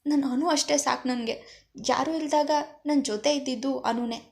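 A woman's voice: sits high, normal speed, creaky, darkish tone. A woman voicing a young woman who pleads frantically and tearfully. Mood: angry. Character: young woman, desperate and grieving.

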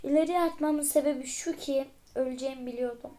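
A young woman commenting casually on her gameplay, excitable and often shouting at her teammates. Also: sits high, quick pace. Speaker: gaming channel host.

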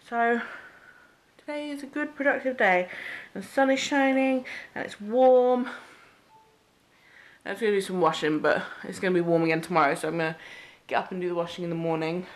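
A young woman from England chatting upbeat to a handheld camera at home, a little out of breath. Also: a little high. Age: young adult. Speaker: vlogger. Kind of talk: casual vlog to camera. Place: home living room. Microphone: handheld camera close up.

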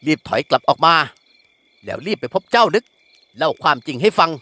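A man narrating a classic Thai novel aloud, telling the story in an animated way. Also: on the high side, fairly quick, dry recording. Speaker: novel reader.

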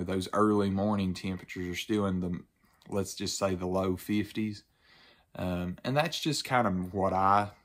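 A young man with a lowish voice talks straight to the camera from his living room couch. He explains things in a relaxed, conversational way, full of ums and you-knows. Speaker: fishing channel host.

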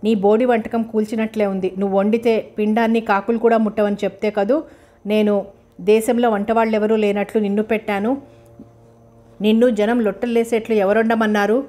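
A domineering middle-aged mother berates her target with a sharp tongue, voiced by a woman reading an audiobook. The pitch sits in a middle range, and the scolding never lets up. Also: little pitch movement, fairly quick, close to an everyday voice.

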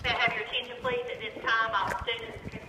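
A school announcer giving calm, formal instructions over the PA loudspeaker. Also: mid-range voice, fast, very noisy. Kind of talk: formal public address instructions. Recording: echoey loudspeaker heard from far off, crowd.

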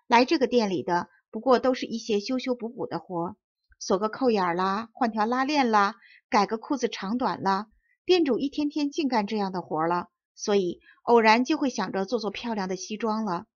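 A woman reading a children's fairy tale aloud, gentle and even in her storytelling. The recording is very dry, with a slightly muffled, dull tone. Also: on the high side, moderate pace, no room sound. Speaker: audiobook narrator. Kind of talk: storybook narration.

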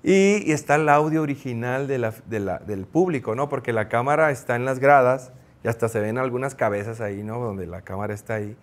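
A middle-aged man with a Mexican accent, a former goalkeeper, telling an anecdote in an interview, acting out the shouts he quotes. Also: mid-range voice, brisk. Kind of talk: storytelling in an interview.

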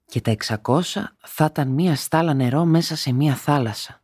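A man narrating a literary story in a steady, measured reading. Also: on the high side, slightly rough, dry recording, clean studio sound.

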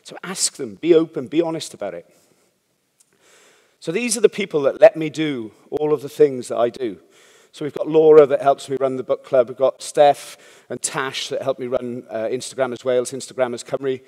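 This startup founder has a warm, mid-range voice and keeps a moderate pace. His conference talk is frank and rambling, with casual swearing and frequent "yeah?" check-ins to the audience. A long hall reverb trails his words around the conference hall.

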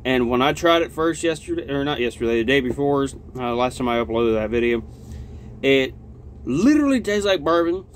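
A man's voice: mid-range voice, animated, fairly quick, slight background noise. A young adult man with a lip full of dip, chatting casually and rambling with plenty of swearing as he reviews a product on a vlog. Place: small cluttered log-walled room, indoors.

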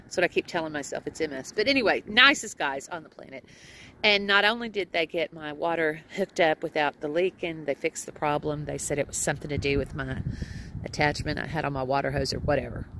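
There's a little hiss or hum as a Texan woman in her forties talks briskly in a deep, bright, forceful voice. Filming herself on a phone camera at arm's length at an outdoor RV campground, this RV travel vlogger chats casually, rambling and laughing frequently.

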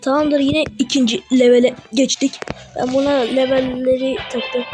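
High-voiced excitable woman gaming over music. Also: moderate pace, poor audio. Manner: chatty, excitable, talks back to the game in slangy banter. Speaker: gaming YouTuber. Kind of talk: casual let's-play commentary. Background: game music.

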